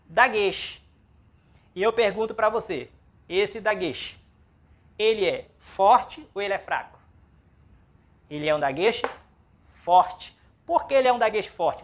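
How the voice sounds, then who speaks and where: A woman's voice: mid-range voice, fairly bright tone. A woman with a Brazilian Portuguese accent teaching a Biblical Hebrew class, spelling out syllables and repeating words aloud for practice. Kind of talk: classroom lesson.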